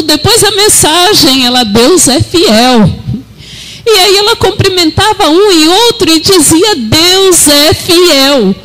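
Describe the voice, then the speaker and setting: A woman with a Brazilian Portuguese accent preaching a sermon as a story, acting out the quoted lines with shifting pitch and slowing down on repeated phrases. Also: poor audio. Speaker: church preacher.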